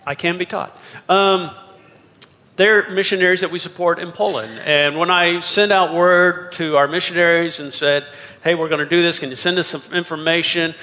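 A male pastor gives a conversational sermon in a church sanctuary, often doubling back on his words. His voice is bright and sits a little high for a man. The sound carries a long reverb from the hall. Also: steady tone, normal speed. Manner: conversational, with frequent restarts.

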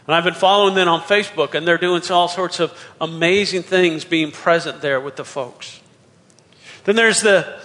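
Bright-voiced pastor in a reverberant hall. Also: male voice, sits high. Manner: conversational, with frequent restarts. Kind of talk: sermon. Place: church sanctuary.

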